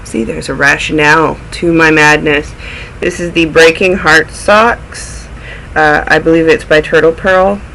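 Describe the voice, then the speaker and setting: A snuffly man with a cold rambles through his projects on a casual knitting video podcast, drifting into many tangents in a chatty show-and-tell. His voice is fairly high, pushed and bright, creaky, unhurried, with fairly even intonation, in a rough recording with a little hiss or hum.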